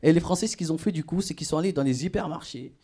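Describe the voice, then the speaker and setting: A man's voice: a little high, fast, slightly rough. A man doing stand-up comedy in a club, talking in a casual, slangy way and chatting with the crowd. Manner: casual slangy, animated, laughing through punchlines.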